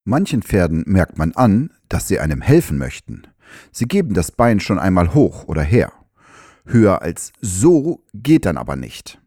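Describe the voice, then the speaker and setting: A man, a farrier, giving calm, measured advice in scripted explanatory narration. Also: deep voice, no room sound, studio quality.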